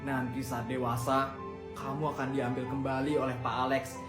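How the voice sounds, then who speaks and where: A man playing a gentle, poor father who calmly breaks a secret to his child in a comedic skit, talking softly and slowly. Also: medium pitch, natural voice. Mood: explaining. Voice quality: soft, hushed. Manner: calm, soothing, slow. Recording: echoey room with music behind.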